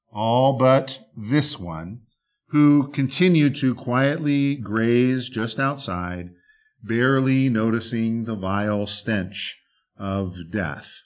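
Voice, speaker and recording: A man narrating a dark fable with drawn-out dramatic pauses. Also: medium pitch. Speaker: storyteller.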